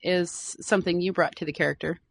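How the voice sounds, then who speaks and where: Chatty woman interviewer, low and dry. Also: fairly even intonation, a little fast, vocal fry, dry recording. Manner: chatty, enthusiastic fan questions. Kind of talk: casual interview chat.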